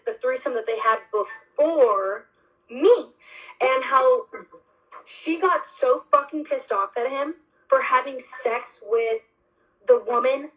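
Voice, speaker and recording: A young woman with a high voice hosts a loose, casual chat. She tells her story with big emphasis and a steady stream of swearing. Her delivery stays animated and blunt throughout. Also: rough recording. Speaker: host.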